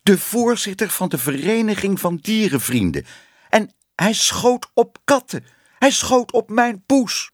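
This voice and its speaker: Man playing a shrill, indignant alderman's wife in a storybook reading; high, dry close sound. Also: very animated, drawn-out words, no room sound, exaggerated voice. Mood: outraged.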